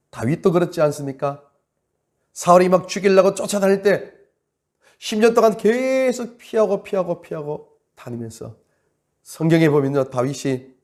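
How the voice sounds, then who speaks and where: A man's voice: a little high, darkish tone. A male pastor preaching a sermon, dramatic, acting out quoted prayers and stretching words for emphasis.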